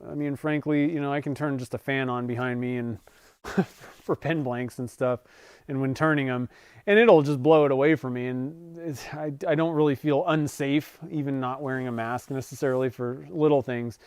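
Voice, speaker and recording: A livestream host in his forties rambles casually from his home workshop, chuckling and correcting himself often. He speaks at a moderate pace with medium pitch and fairly even intonation, his tone a little mellow, clear, and resonant, recorded without echo at studio quality.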